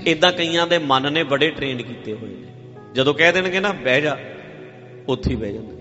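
A man's voice: fairly high pitch, fast, pushed and bright, faint music behind. A man preaching a sermon in a conversational style, repeating phrases and acting out the worried voices of ordinary people. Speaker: Sikh preacher. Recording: dull, hall-like reverb.

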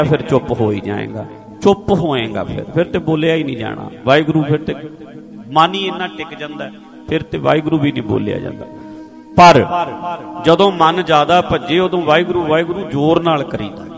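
Guy preaching a sermon, kinda high voice, slow teaching with rhythmic chants, music playing behind. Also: gravelly. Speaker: Sikh preacher. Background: instrumental music.

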